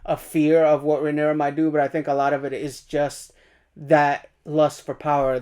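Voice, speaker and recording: A man's voice: a little high, a little mellow. A man co-hosting a casual review podcast, recapping the plot with energy and acting out the characters' lines. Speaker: podcast co-host.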